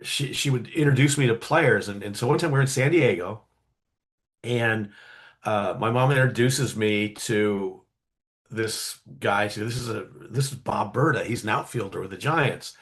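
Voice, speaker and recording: A man telling a story casually in an interview, animated, with many fillers and quick acted-out quotes. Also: lowish voice. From California, USA. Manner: animated, acts out quoted voices, frequent fillers. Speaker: guest storyteller.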